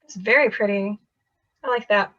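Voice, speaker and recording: A woman's voice: mid-range voice, moderate pace, a bit bright. A woman co-hosting a casual chat about knitting, heard over a video call and chatting in an easygoing way. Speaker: podcast co-host. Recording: dull lo-fi video call audio.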